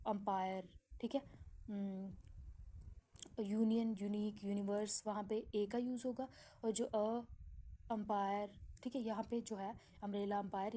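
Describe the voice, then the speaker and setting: A woman teaching an English grammar lesson, explaining slowly with examples and checking in often with the class. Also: medium pitch, mellow.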